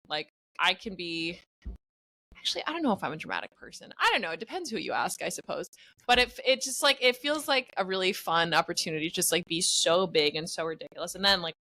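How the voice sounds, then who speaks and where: A woman with a lowish, sharp-toned voice is interviewed casually about her podcast acting. She rambles and pokes fun at herself, saying "like" constantly.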